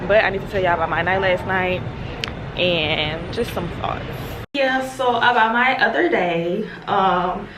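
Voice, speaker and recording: A woman's voice: mid-range voice, a little slow. A young woman, talking candidly to camera in a casual vlog, swearing freely and drawing out her words. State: talking with a lozenge in her mouth. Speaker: vlogger. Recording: roomy and distant with faint noise.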